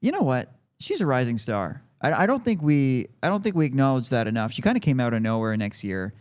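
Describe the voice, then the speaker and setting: A man's voice: mid-range voice, big pitch swings, a little fast, darkish tone. A man giving conversational sports commentary on a live stream, chatty and ready with opinions and anecdotes.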